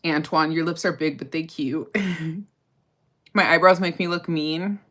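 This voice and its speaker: A criminal defense lawyer hosts a livestream while doing her makeup, casually answering viewers' questions on criminal law with plenty of fillers and asides. Her low voice is steady and fairly bright, and she speaks slowly.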